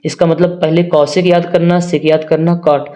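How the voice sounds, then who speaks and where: A male teacher walks students through a maths lesson. He keeps asking them questions and then answers them himself. His voice sits a little high and has a warm, mellow tone. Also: little pitch movement, unhurried. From northern India. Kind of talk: classroom-style maths lesson.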